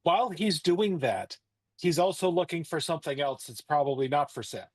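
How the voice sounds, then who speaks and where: A man's voice: fairly high pitch, lively intonation, brisk, dry recording. A man playing a tabletop game, explaining his character's plans in an easygoing way. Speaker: player.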